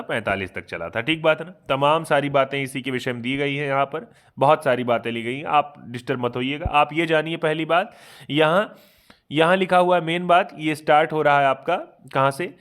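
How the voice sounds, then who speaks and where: Male exam tutor, brisk revision class, fairly high bright voice, keeps asking and answering his own questions. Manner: quizzes himself aloud, keeps asking "ठीक बात है ना". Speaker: exam coaching teacher. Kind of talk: fast online revision lecture.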